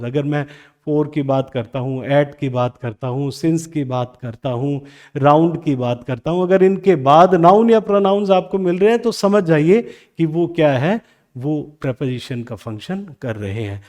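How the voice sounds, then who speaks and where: Mellow-voiced Indian teacher explaining grammar. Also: male voice, on the high side. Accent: Indian English. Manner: asks questions then answers them himself, reads example sentences slowly. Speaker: English teacher. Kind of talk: classroom grammar lesson.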